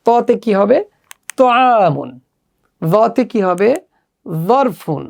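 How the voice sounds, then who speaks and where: A woman with a Bangladeshi accent walks children through Arabic letters one at a time. Her voice sits a little low, and she draws out and repeats each sound so learners can copy it. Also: animated, a little mellow. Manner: slow, drawn-out pronunciation drills, repeating letters. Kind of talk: step-by-step lesson.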